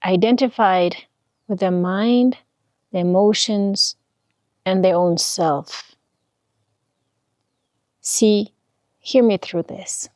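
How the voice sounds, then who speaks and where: At an extremely unhurried pace, a woman leads a guided meditation and spiritual talk, placing short phrases deliberately and soothingly with pauses in between. Her medium-pitched voice is a little mellow and sounds close and dry, without room echo.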